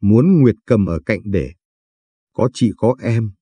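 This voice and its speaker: A man narrating a novel as an audiobook in a calm, even storytelling manner. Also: lowish voice, takes it slowly, slightly rough, no echo.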